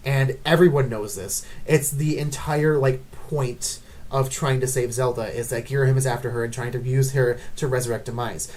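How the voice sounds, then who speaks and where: A woman's voice: rumbling low, fairly even intonation, moderate pace, darkish tone, slight background noise. A woman giving unscripted, ranting commentary as she ranks game characters, exasperated and full of "like" fillers. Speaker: video creator ranking game characters.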